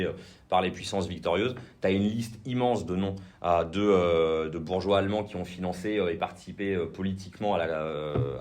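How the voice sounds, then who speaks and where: A low-pitched, slightly mellow male voice with a French accent leads an informal political training session in an indoor room. His delivery is hesitant and full of fillers and restarts.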